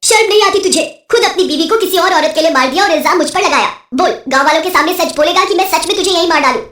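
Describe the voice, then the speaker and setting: A woman voicing a frightened young female witch in a cartoon, pleading and quick. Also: high-pitched, animated, a bit bright. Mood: angry. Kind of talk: cartoon voice acting. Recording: roomy echo.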